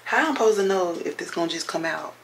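A woman's voice: on the low side, expressive, fast talker, low-quality recording. Exasperated, cursing young woman vlogger. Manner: profane, exasperated, talks to viewers as y'all. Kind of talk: casual vlog chat.

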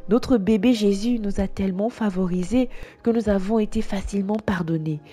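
Woman, first-person story narration, earnest, mellow tone, faint background music. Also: mid-range voice, normal speed, slightly rough.

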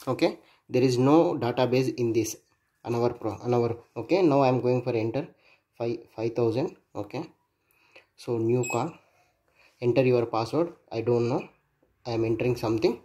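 Indoors at a workbench, a man demonstrates an electronics project in a dark-toned, medium-pitched voice. He thinks aloud in fits and starts, spelling out the digits and letters as he goes.

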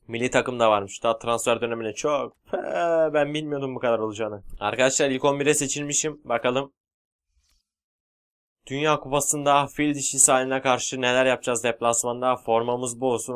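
A man casually commentating his own football video game, joking and yelling when he scores. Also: mid-range voice, clear, resonant tone. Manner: excitable, shouts at goals, jokey. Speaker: gaming YouTuber.

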